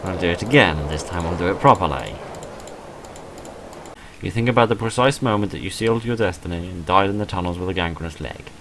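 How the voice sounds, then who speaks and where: This gaming narrator has a low pitch and a brisk, fairly bright tone as he reads a text-based visual novel aloud. He drifts between reading and casual commentary full of wry, self-mocking asides, while noticeable background noise sits under the recording.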